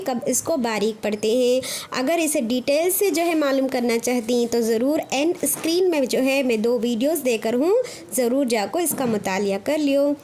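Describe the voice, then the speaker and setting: A woman's voice: sits high, darkish tone. A woman with a Dakhni Urdu accent teaches Quran recitation in an online lesson. She keeps asking her students questions and answering them herself. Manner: slows down to chant the example verses. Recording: faint background noise.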